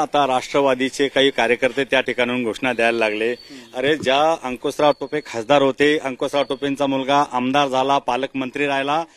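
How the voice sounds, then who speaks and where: A man with a Marathi accent giving a combative political rebuttal at a public debate. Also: fairly high pitch. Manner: combative, rising into shouts. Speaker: ruling party supporter in a debate.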